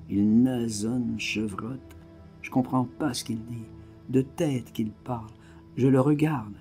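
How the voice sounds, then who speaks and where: A man gives a slow, unhurried literary reading of a first-person novel, his voice gravelly with vocal fry. He breaks the text into short, clipped phrases and pushes some words hard while letting others drop away. Faint music plays underneath. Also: medium pitch. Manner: short, clipped phrases read with emphatic swings in loudness. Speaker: reader of a novel.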